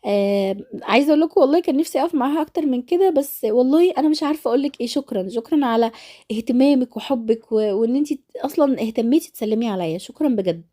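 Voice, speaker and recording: A woman's voice: high voice, animated, rapid-fire, mellow. A middle-aged woman with an Egyptian Arabic accent, congested and nasal, chatting casually and ramblingly to her followers in a vlog voice-over. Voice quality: congested, nasal from a blocked nose. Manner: rambling, familiar address to followers. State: stuffed-up nose and throat. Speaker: vlogger.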